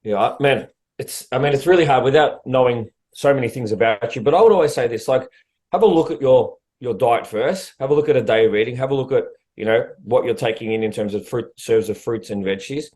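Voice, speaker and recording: Fast-talking blunt man. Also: medium pitch, darkish tone. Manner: fast, blunt, swears casually. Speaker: prep coach podcast host. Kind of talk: casual podcast chat.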